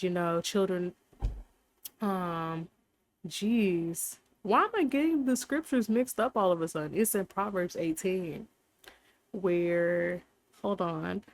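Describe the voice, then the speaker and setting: A woman's voice: fairly low pitch, dry recording. Chatty young woman sharing faith stories. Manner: rambling, heartfelt, many fillers. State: briefly emotional. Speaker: podcast host. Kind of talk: casual faith talk.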